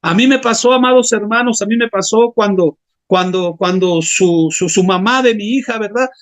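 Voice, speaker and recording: A man's voice: high-pitched, moderate pace. A man preaching an impassioned sermon as a pastor, often calling his listeners brothers. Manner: impassioned, keeps addressing the congregation as brothers.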